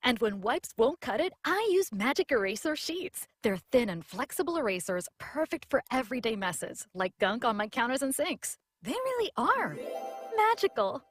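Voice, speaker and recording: A woman's voice: fairly high pitch, big pitch swings, moderate pace, husky. A woman playing an enthusiastic household cleaning customer in a scripted testimonial commercial.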